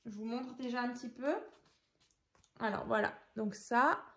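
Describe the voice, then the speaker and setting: Slow-talking woman showing a craft. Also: a little high, steady tone, a bit bright. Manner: chatty, thinks aloud, counts pieces while working. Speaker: craft tutorial host. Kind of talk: casual craft tutorial. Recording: echoey room.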